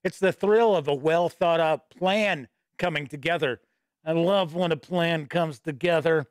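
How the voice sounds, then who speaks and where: A middle-aged man, the host and editor-in-chief of a tabletop gaming news show, runs a casual live stream from his home studio, where shelves of games stand behind him. He's chatty and upbeat with asides, his voice a little stuffy from a starting cold. It sits on the high side, clear and resonant, a little slow, picked up by a boom-arm studio mic close to his mouth with no room sound.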